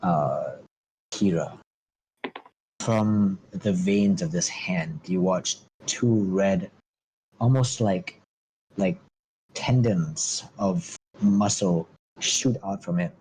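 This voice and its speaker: A man's voice: sits low, animated, very slow, pauses often, dark tone, rough recording. A man running a tabletop game as game master, improvising narration and chatting casually. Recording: faint background noise.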